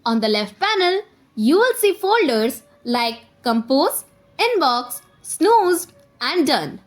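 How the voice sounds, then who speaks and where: A woman with a high voice presents a scripted software tutorial, addressing the viewer directly as an instructor and setting out each step in order. She takes her time, and her intonation is very animated, rising and falling freely.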